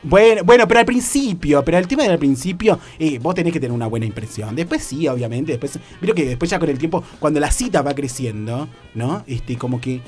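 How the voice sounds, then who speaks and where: A man with a Rioplatense accent tells a comic story on the radio, camp and theatrical, stumbling through fillers and restarts. His voice sits a bit high and swings widely in pitch. Soft music plays faintly behind him. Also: lively intonation, fairly quick, hardly any pauses. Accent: Rioplatense Spanish.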